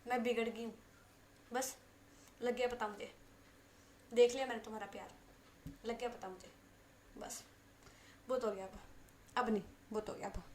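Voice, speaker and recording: A woman voicing a playful, teasing young woman in a told love story, talking in an animated, mock-offended way. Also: a little high, moderate pace, long pauses, a little hiss or hum, lightly acted. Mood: mock hurt.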